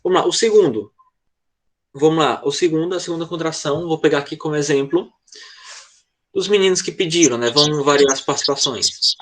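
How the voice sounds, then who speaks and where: A man's voice: on the high side, a little fast, fairly bright tone. A man with a Brazilian Portuguese accent teaching an online class to children, explaining patiently and checking in often over a video call. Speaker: English teacher.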